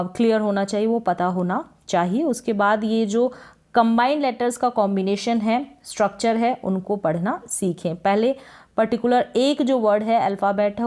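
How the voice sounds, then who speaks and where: Woman, teacher, spells each word out slowly, asks and answers her own questions, mid pitch. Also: a little mellow. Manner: slow, drawn-out spelling of each word, then repeats the meaning. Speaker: English teacher. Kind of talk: spoken Hindi lesson on reading English words.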